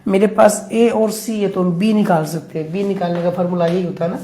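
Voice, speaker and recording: The speaker is a man whose high-pitched, warm voice stays steady while moving a little fast. Chatty, he walks students through maths steps at a board and frequently checks they're with him; the recording has echo and faint noise.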